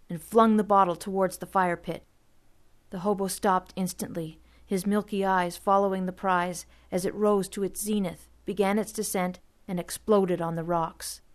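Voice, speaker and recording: A woman narrates a first-person story in audiobook style. Her delivery is steady and vivid, at an ordinary middle pitch.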